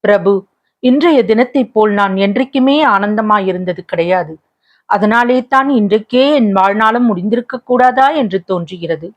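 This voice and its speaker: A woman's voice: mid-range voice, normal speed, muffled recording, close to an everyday voice. A woman voicing a tearful lovelorn young woman. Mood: sorrowful. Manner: plaintive, pleading tone.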